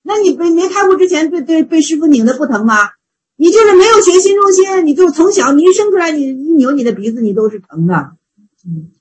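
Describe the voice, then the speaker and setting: A woman giving a Buddhist dharma talk, retelling a Zen story in an animated, repetitive, emphatic way. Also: high voice, fairly quick, poor audio. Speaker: Buddhist teacher.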